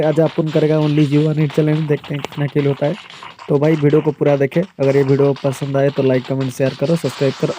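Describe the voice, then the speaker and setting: A young man giving casual, excitable live commentary over a mobile game he is playing, often breaking into exclamations. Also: a little high, slight background noise. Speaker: gaming YouTuber.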